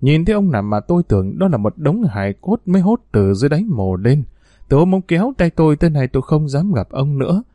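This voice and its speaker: A man's voice: fairly high pitch, big pitch swings, fast talker, dark tone, dry recording, studio quality. A man voicing a flirtatious, haughty wealthy woman, coquettish with her lover and cold to her servant. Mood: cold commanding.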